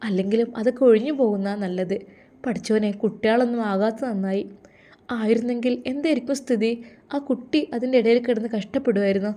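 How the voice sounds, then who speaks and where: A woman as a tender older mother, soothing and coaxing, pitched a bit high. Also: a little fast, dark tone, lightly acted.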